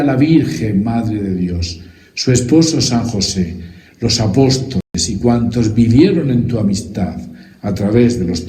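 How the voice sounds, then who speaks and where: A priest leading Mass, reciting the liturgical prayers in a solemn, measured way, his voice carrying a church echo. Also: medium pitch, mellow. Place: large church. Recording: roomy church echo with faint music.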